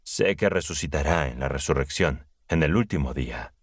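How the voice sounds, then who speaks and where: A man's voice: extremely low pitch, animated, moderate pace, no echo, clean studio sound. Martha, an earnest grieving woman, read by a man. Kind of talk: scripted Bible audiobook reading.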